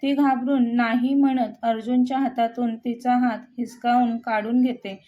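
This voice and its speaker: A woman narrating a written short story in a steady, measured reading. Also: fairly high pitch, highs cut off.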